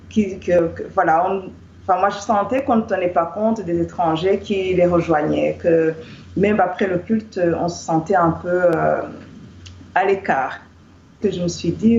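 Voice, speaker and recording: A woman's voice: on the low side, darkish tone. A woman from Rwanda, a guest in a casual discussion, speaking hesitantly with many fillers. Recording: echoey, muffled, faint background noise.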